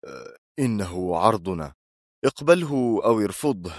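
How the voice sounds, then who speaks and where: A man's voice: fairly low pitch, sing-song, normal speed, no room sound, clean studio sound. A male narrator voicing a nervous, irritable government minister who speaks tensely and hesitantly in an audiobook. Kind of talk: audiobook character voice.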